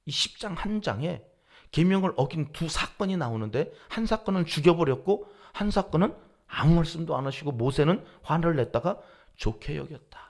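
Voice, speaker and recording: Korean pastor guy preaching early morning, slightly high voice, goes loud then whispery. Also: moderate pace, vocal fry. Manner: animated, swings from loud exclamations to hushed whispered lines. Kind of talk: dawn service sermon with scripture reading.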